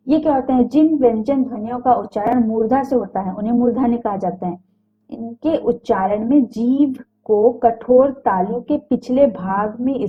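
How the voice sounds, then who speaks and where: A woman teacher giving a grammar lecture, explaining patiently and sounding out letters slowly one by one, with small self-corrections. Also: fairly high pitch. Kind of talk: recorded Hindi grammar lecture. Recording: tinny phone-like recording.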